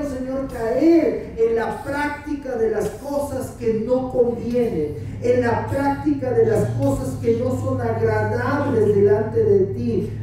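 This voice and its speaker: Man, pastor preaching and praying aloud, very echoey sanctuary, faint background hiss. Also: extremely high pitch. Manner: praying aloud fervently, then teaching in a softer, conversational tone. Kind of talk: sermon with spoken prayer. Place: church sanctuary. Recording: very echoey church hall, mic far off.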